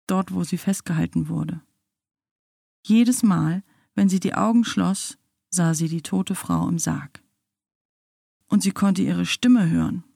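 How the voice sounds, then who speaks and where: A woman narrating a spooky storybook in a slow, measured, dramatic way. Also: on the low side, gravelly, mellow, breathy edge, dry recording, clean studio sound.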